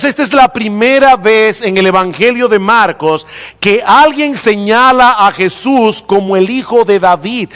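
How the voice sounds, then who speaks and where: A male pastor preaching a sermon in a church hall, stressing key words by slowing down and rising. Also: high voice, a bit bright. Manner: emphatic preaching, slows down and rises for stress. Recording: long reverb of a hall.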